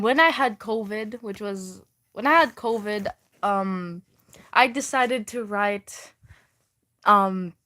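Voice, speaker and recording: A young woman with a medium-pitched, fairly bright voice reads her old fan fiction aloud on a livestream. She keeps interrupting herself mid-sentence with laughter and self-deprecating, profane asides, in a casual, chatty reading style.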